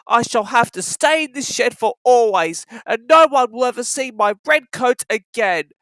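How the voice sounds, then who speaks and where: A proud young engine from a children's storybook chuffs along in a raised, bright voice. He is straining, stubborn and keen to prove himself. A storyteller voices him in a close, dry reading. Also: expressive, measured pace, no echo. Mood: sad. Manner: high, strained, puffing. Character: young male tank engine, proud then determined.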